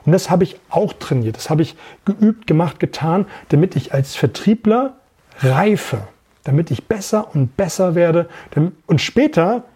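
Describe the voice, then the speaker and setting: A man's voice: a little high, animated, unhurried, mellow, breathy edge. A middle-aged man hosting a podcast, talking energetically about sales and voice work, repeating phrases and showing voice techniques. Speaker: podcast host and sales trainer. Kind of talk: casual podcast monologue.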